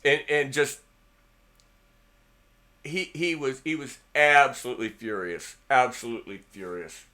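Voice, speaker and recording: A middle-aged man with a bright, forceful voice tells a loose, rambling story. He hosts a guitar channel and talks casually to the camera, circling back and repeating words along the way. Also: mid-range voice, a little slow.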